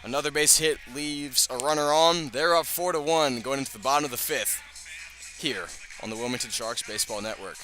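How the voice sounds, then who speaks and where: Calling baseball live on the radio, a man talks fairly quickly in a medium pitch, with music playing in the background. The commentary is conversational with casual asides, recorded at an outdoor ballpark with clear ambient outdoor noise.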